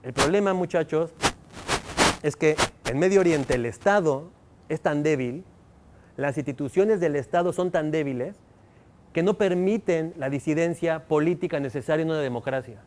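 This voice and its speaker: At a moderate pace, a male university professor with a Mexican Spanish accent lectures in a slightly high, a little mellow voice. He engages the room by launching rhetorical questions at his students.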